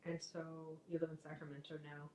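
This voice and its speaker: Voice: medium pitch, completely flat delivery, brisk, darkish tone, echoey room, slight background noise, poor audio. An interviewer asking short, plain questions in an oral history interview.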